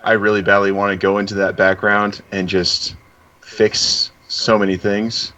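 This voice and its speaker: A man's voice: fairly low pitch, flat delivery, a little slow, bright, forceful tone, far from the mic. A man talking in a casual, conversational way. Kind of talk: casual chat. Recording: dull lo-fi voice chat audio.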